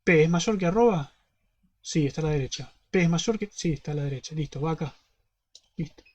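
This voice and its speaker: A man with a fairly high voice and a Rioplatense Spanish accent, walking students through a problem in an online class. He goes step by step and keeps asking whether they follow. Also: a little fast, a little mellow, muffled recording. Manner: step-by-step, constantly checking in with "¿sí?". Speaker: university teaching assistant.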